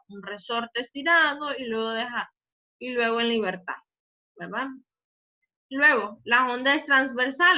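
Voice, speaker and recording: Bright-voiced woman teaching a physics lesson. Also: a little high. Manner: explanatory, often asks "¿verdad?" to check understanding; says she talks fast.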